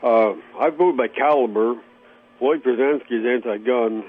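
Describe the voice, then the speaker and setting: A man's voice: medium pitch, normal speed. A man calling in to a radio show over the phone, blunt and brief. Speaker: caller. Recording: tinny noisy phone line.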